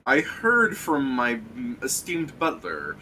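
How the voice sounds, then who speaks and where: A man's voice: mid-range voice, huge pitch swings, takes it slowly, sharp tone, slight background noise, voice pushed up, exaggerated voice, low-quality recording. A man voicing a sinister aging nobleman villain in a tabletop game, with theatrical formality. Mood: scheming.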